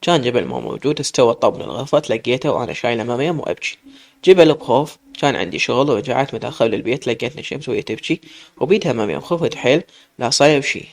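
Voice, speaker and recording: A man's voice: mid-range voice, lively intonation, very fast, vocal fry. A man with an Iraqi accent reading a dramatic story aloud, with emotional first-person narration.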